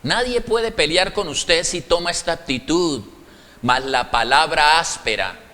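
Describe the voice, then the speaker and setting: A man preaching a sermon, animated and acting out little dialogues in shifting tones of voice. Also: fairly high pitch, unhurried. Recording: echoey hall reverb.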